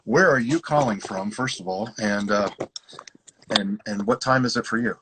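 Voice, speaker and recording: A man's voice: on the low side, normal speed, pushed and bright, a little hiss or hum. A man hosting a live online interview, asking questions in a chatty, friendly way. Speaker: interview host. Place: Ohio.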